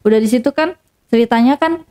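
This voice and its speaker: A woman's voice: on the high side, fast, dark tone. A young woman telling a personal story casually to an interviewer, rambling with many fillers and restarts.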